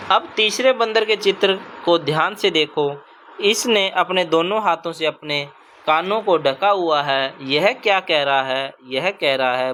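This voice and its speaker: A man's voice: fairly high pitch, a bit bright, slight background noise. A man teaching a primary school language lesson to children, patient and repetitive, checking in with the class often. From Punjab. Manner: patient, repeats "ठीक है बच्चों" often.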